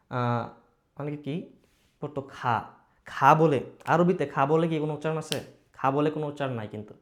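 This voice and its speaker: A man teaching Quran recitation, explaining each letter patiently and sounding out letters loudly for practice. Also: on the high side. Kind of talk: slow explanatory lesson.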